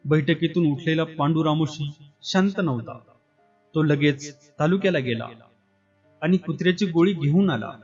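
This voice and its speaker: A man narrates a literary story in a steady, expressive reading voice that sits fairly high for a man. The recording is dull and lo-fi, with faint music playing under him. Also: normal speed.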